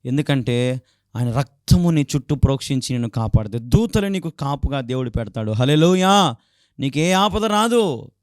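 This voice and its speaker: Preaching with a Telugu accent from Andhra Pradesh, this male pastor has a medium-pitched, expressive voice at a moderate pace. He dramatizes quarrels with raised voices and keeps breaking into fervent cries of hallelujah. It's a dry, studio-quality recording.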